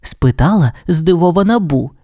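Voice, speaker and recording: A woman's voice: fairly low pitch, lively intonation, moderate pace, mellow, dry recording, clean studio sound. A woman narrating a children's audio storybook, addressing the young listener directly.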